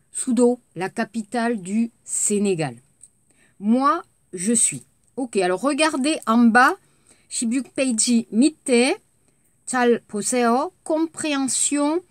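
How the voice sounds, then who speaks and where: A woman teaching French to Korean learners, pronouncing words slowly and clearly for repetition and adding short explanations in Korean. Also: a little high, no room sound. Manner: slow, clearly articulated words repeated for learners to copy; switches between French and brief Korean explanations. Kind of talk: language lesson for Korean learners.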